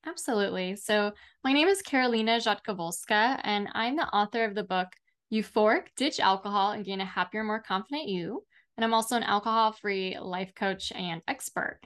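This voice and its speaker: A woman's voice: mid-range voice, normal speed, fairly bright tone. A woman who coaches and writes books, introducing herself as a podcast guest in a ready, assured manner. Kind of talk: interview answer.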